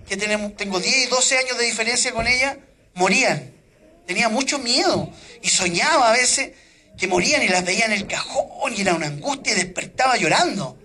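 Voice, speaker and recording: Male pastor, middle-aged; very high, bright voice; earnest storytelling sermon. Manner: earnest, personal storytelling with quoted prayers.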